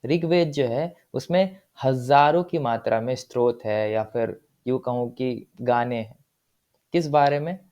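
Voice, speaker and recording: Guy teaching a lesson, warm low-ish voice, keeps asking if you got it. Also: a little slow, muffled recording. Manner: patient, checks in often with the listener. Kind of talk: explanatory lesson, mixing Hindi and English.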